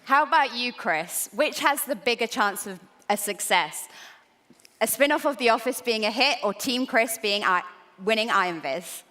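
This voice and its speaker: Bubbly lively female stage host. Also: on the high side, normal speed. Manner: bubbly, punny. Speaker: co-host of live competition. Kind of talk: energetic stage hosting. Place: conference stage. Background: music.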